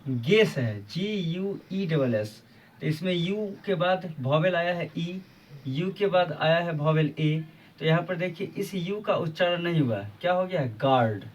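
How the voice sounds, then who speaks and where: A man's voice: fairly high pitch, expressive, unhurried, far from the mic. A man teaching English pronunciation rules on his video channel, patiently repeating each example and asking rhetorical questions. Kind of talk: explaining a lesson on his channel.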